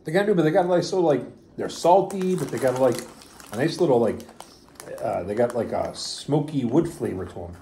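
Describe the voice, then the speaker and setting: A man's voice: mid-range voice, animated, normal speed, vocal fry, mellow, a little hiss or hum. A father casually reviewing snacks with his child, reading the package blurbs aloud and teasing playfully.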